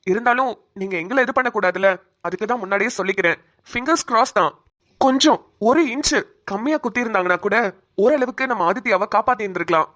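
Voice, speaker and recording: A woman voicing a hospital doctor in a cartoon who calmly explains and soothes a worried relative. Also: a little high, quick pace. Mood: soothing. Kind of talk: cartoon voice acting.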